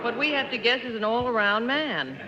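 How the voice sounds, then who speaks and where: A woman's voice: fairly high pitch, animated, brisk, a crowd in the background. Hesitant woman panelist, 1950s TV broadcast. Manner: hesitant, many fillers, playful. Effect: 1950s TV broadcast sound. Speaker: game show panelist. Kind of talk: 1950s TV panel game show questioning. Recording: dull echoey 1950s TV broadcast.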